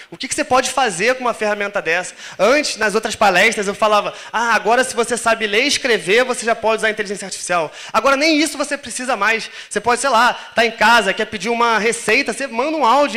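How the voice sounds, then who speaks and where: A man's voice: high voice, bright, forceful tone. A man with a Brazilian Portuguese accent giving a casual, joking live conference talk on stage and using lots of slang. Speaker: lecturer. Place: lecture stage with audience.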